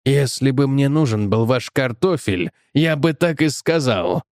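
A man's voice: medium pitch, lively intonation, unhurried, a little mellow, dry recording, close to an everyday voice. Brief: edgy businessman, curt and snappish, from a male reader, dry close sound. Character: irritable, rattled middle-aged businessman.

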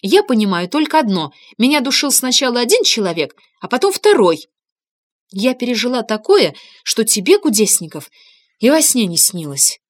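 A sly, stubborn young woman, as a woman reader voices her, arguing her case with cunning. She talks back quickly and never gives ground, in a story read aloud. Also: fairly high pitch, very animated, pitched above the performer's own voice. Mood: argumentative. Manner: sly, argumentative. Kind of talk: audiobook character reading.

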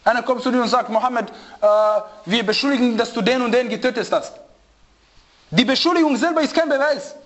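A very high-pitched man talks a little fast, with a fairly bright tone and the highs cut off, as he teaches religion to students. He hammers home key phrases, poses rhetorical questions often, and occasionally hunts for the right word.

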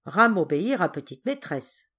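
A woman's voice: on the low side, sing-song, a bit bright, husky, heavily acted. Ram, a woman doing a devoted servant in broken French. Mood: stubbornly loyal. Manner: clipped broken phrasing, slow and deliberate.

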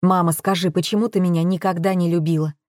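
Woman reading a son pleading, low voice, heartfelt, dry. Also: fairly even intonation, fast, darkish tone, no room sound, close to an everyday voice. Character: grown son pleading with his cold mother.

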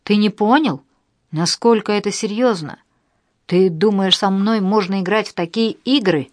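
A woman's voice: mid-range voice, normal speed, darkish tone, no room sound, studio quality, close to an everyday voice. Woman voicing a cold hissing male blackmailer. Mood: menacing. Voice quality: cold, unpleasant, soulless. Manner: hissing, threatening, rude.

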